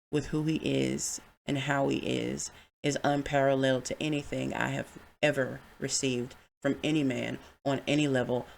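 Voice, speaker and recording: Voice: medium pitch, vocal fry. A podcast host giving a candid, heartfelt solo monologue, with casual swearing.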